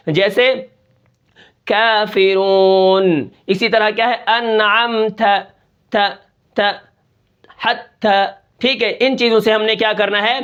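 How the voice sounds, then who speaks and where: A man with a Pakistani Urdu accent teaches tajweed in a raised, fairly high voice. He is patient and methodical, checking in often and repeating each sound slowly. The recording sounds slightly muffled and lo-fi. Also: a bit bright. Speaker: Quran recitation teacher. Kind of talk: tajweed lesson with recited examples.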